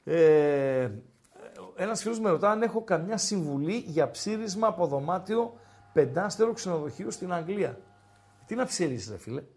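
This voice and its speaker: High-voiced man hosting live match chat. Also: expressive, a little mellow. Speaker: podcast host and betting tipster.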